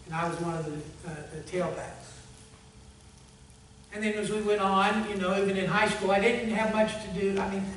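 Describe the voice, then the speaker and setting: Pastor preaching in an echoey church. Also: male voice, high-pitched. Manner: conversational storytelling, earnest appeal, fading to hushed prayer. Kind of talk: sermon. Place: church sanctuary. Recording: echoey church hall, far from mic, faint hum.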